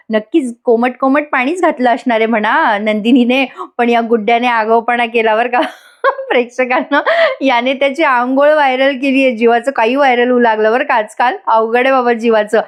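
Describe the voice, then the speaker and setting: A woman's voice: on the high side, normal speed. Chatty woman recapping a soap. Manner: chatty, laughs often, addresses viewers. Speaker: TV serial reviewer. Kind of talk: voice-over episode recap.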